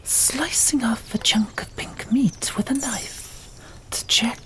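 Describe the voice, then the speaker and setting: This audiobook narrator is a woman whose voice sits a little high. She whispers breathily in ASMR style, keeping things hushed and deliberate and pausing after each short phrase.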